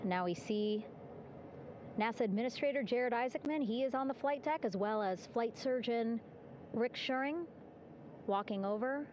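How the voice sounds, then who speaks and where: A woman's voice: medium pitch, background noise. Upbeat woman doing live commentary. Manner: upbeat, chatty, warm-hearted narration with light laughs. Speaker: broadcast commentator.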